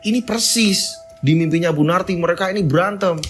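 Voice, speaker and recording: A man's voice: high-pitched, fairly quick, fairly bright tone, soft background music. A man telling a horror story in a casual, conversational way, often repeating himself. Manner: conversational, repetitive.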